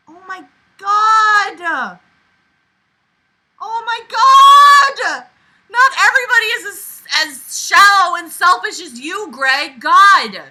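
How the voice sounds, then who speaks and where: Reading a text out loud, a woman breaks in with commentary, her high voice growing exasperated and emphatic. Her animated reactions rise and fall dramatically in intensity.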